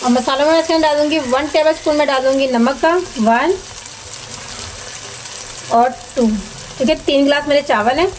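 In a noisy home kitchen full of frying, sizzling, and stirring, a cooking show host explains a recipe step by step from the stove, repeating herself often and keeping it plain. She speaks at a normal speed in a high voice with fairly even intonation, pausing often.

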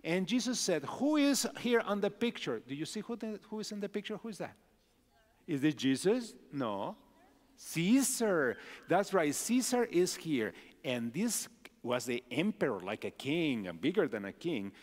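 A man's voice: on the high side, very animated, a little slow. A middle-aged male pastor giving a children's message, asking the children simple questions. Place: large church sanctuary. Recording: long hall reverb.

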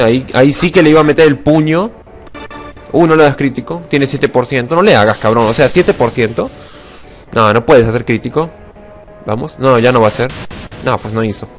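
A young man giving casual let's-play commentary, excitable and swearing, shouting when attacks miss. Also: medium pitch. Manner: excitable, swears a lot, sudden shouts at misses. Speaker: gaming channel host.

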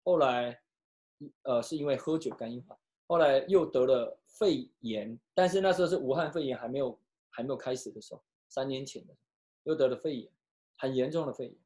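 A pastor preaching and telling a story, switching between hushed and loud delivery, with some halting restarts. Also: medium pitch. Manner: emotional, with sharp swings from hushed to loud. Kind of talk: storytelling sermon.

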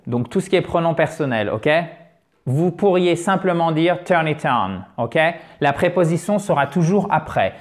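Upbeat male English tutor for video lessons, chatty, slightly high voice, slows down to model words. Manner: lively, chatty, checks in with frequent "ok?". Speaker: English teacher. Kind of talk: online language lesson.

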